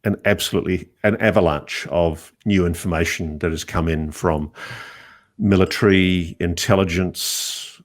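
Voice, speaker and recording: A man, a journalist guest on a podcast interview, telling animated anecdotes. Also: low voice, measured pace. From Australia.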